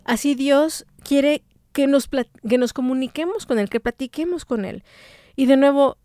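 High-voiced woman preaching casually. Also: normal speed, warm tone, no echo, studio quality. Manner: conversational, acts out prayers in a chatty tone. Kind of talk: informal sermon on prayer.

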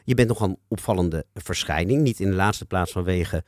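A man's voice: low voice, fairly quick, a little mellow, dry recording, clean studio sound. A man hosting a conversational interview in a wry, articulate, teasing way. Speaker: interviewer, show host.

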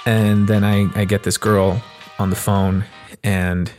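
A man's voice: lowish voice, flat delivery, slow pace, darkish tone, faint music behind. A man hosting a podcast, telling stories in a casual, informal and sweary way. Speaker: podcast host. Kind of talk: casual conversational storytelling.

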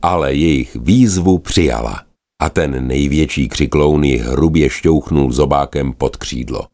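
A man narrating a children's animal story in a gentle, expressive manner. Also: rumbling low.

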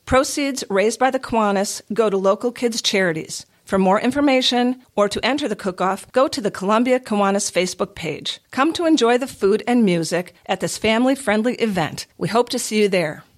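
A woman's voice: mid-range voice, brisk, few pauses. Female volunteer, mid-range voice, scripted community radio announcement. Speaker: club member giving an event announcement.

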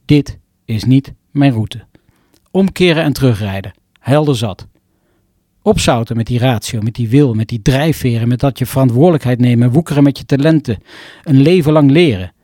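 A man from the Arnhem area of the Netherlands, a rehabilitation doctor, reading his own scripted first-person story in a reflective, poetic, measured way. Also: medium pitch, warm tone, no echo, studio quality.

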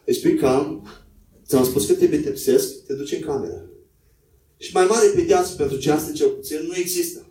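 A man preaching a sermon in a conversational way, acting out quotes in a higher voice. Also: mellow. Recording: echoey room, voice from a distance.

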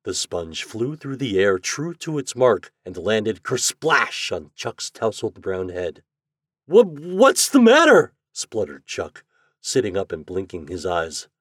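A man's voice: low-pitched, a little slow, a bit bright, breathy edge, dry recording, studio quality. A man reading a children's storybook aloud, narrating expressively. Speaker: story reader.

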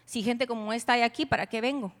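A woman preacher voicing a grumbling, disappointed churchgoing woman in a sulky, low mutter. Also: fast, natural voice. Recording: long hall reverb.

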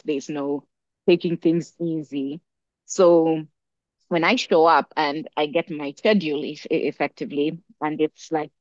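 On a podcast, a young woman from Africa with a low-pitched voice casually recounts a story, animated and heavy with fillers and restarts. The recording has no echo but sounds muffled.

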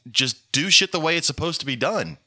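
A man's voice: a little high, big pitch swings, a little fast, pushed and bright. A man who teaches, hosting a casual podcast chat with an opinionated, exasperated manner.

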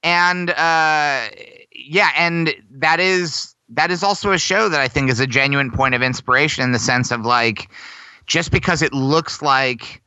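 A man's voice: a little high, measured pace, bright, forceful tone, smooth, no room sound, low-quality recording. An American man telling self-deprecating stories in a casual interview, laughing often. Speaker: guest performer.

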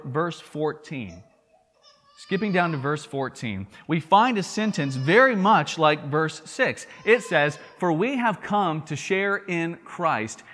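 A man's voice: medium pitch, a bit bright, in a large hall. A man from Tennessee with a Southern accent, preaching a sermon in an earnest way, often repeating words and asking "right?". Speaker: pastor.

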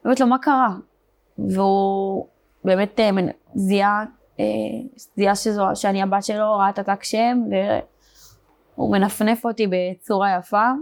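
A young woman from Israel speaks as an interview guest, recounting events at a mid pitch typical for a woman. Her speech is halting, broken by fillers and restarted phrases. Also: little pitch movement, darkish tone. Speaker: guest, border police fighter. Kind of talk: personal testimony in an interview.

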